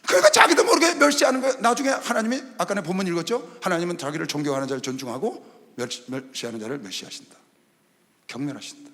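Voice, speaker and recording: A man preaching a Sunday sermon as pastor, animated, voicing God and Moses in lower tones. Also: fast. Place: large indoor arena hall. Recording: long reverb of a large arena hall.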